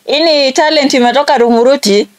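Speaking fast in a high-pitched voice with no echo, this prank call show host keeps things chatty on the phone. She's a Kenyan woman in her twenties, switching between Swahili and English.

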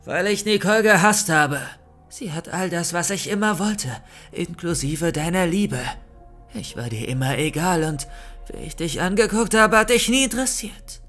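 Guy reading a smug evil young woman, taunting, higher voice, bit of music behind. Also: expressive, normal speed, fairly bright tone. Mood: bitter. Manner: mocking, gloating. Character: scheming young woman villain, cold and taunting.

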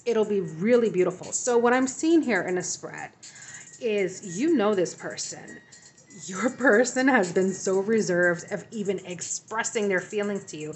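A woman giving a tarot reading to her viewers, speaking in a reassuring way with frequent ums and repeated phrases. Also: medium pitch. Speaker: tarot reader.

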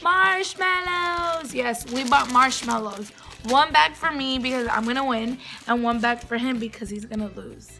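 Bright, high-voiced young woman vlogging. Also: steady tone, normal speed, soft background music. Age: young adult. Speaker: vlogger, host. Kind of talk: casual vlog chat to camera.

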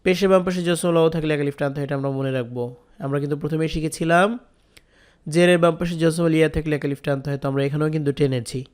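A man with a Bangladeshi Bengali accent teaching Quran reading, spelling each word letter by letter and chanting the verses slowly. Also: fairly high pitch, fairly even intonation, darkish tone, clean tone. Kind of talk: slow spelled-out recitation lesson.

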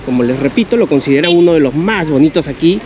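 A man's voice: on the high side, expressive, fast talker, muffled recording. A middle-aged man narrating a walking travel vlog, chatty and upbeat, talking to his viewers while holding the camera at arm's length. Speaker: travel vlogger. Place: outdoors by a street, then inside a large mall. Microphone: action camera held at arm's length. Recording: loud street and crowd noise. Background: traffic and crowd ambience.

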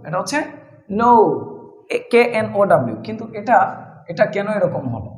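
A man's voice: fairly high pitch, reverberant, low-quality recording. A man teaching a spoken English lesson in Bengali, explaining step by step and spelling words out letter by letter.

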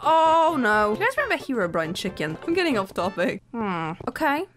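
A young woman giving excitable, giggly commentary while playing a game, squealing at surprises. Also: a little high, a little fast. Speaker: gaming YouTuber. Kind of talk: Minecraft let's play commentary. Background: game music.

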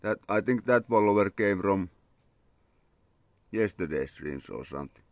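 Speaking through a phone camera held at arm's length, a young Finnish man streams live from his yard beneath a parasol. His low, animated voice takes its time, and there's no room sound at all. In a Finnish accent he chats casually, thanks his followers, and mumbles to himself.

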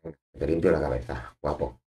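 Drawing live on stream, a man talks in a steady, mellow bass that runs a little fast. His chat is casual and playful, full of repetition and bossy commands aimed at a toy.

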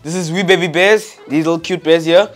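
A man's voice: on the high side, fairly even intonation, fairly quick, heavy background noise. A young man presenting casually, like a quizmaster explaining and prompting. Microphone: lapel mic. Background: background music.

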